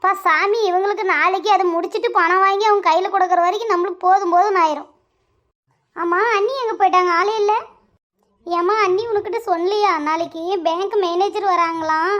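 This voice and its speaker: A woman's voice: very high voice, steady tone, brisk, a bit bright, dull audio. A woman playing a petulant young sister-in-law who whines and makes demands in a comedy skit. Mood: scheming. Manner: whiny, demanding, sulky.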